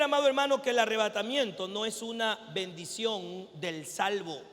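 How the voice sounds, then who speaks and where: A man preaching a fervent sermon, switching between shouted proclamations and quiet, close asides. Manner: swings from shouted proclamation to low intimate asides. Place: church service hall. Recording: echoey church hall with long reverb.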